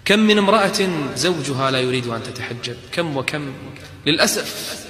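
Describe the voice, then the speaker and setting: A man's voice: a little high, expressive, a little fast, bright, forceful tone. A man preaching, telling a moral story and exhorting his listeners with passion. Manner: impassioned, exhorting. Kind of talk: storytelling sermon. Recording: echoey hall with long reverb.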